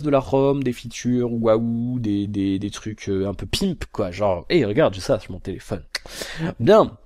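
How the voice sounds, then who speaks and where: The camera sits on a box and records through its built-in mic as a tech reviewer hesitantly rambles through a phone review at home, restarting and using lots of fillers. His voice is mid-range and dark, and the sound comes across clean and studio-like, with no room sound.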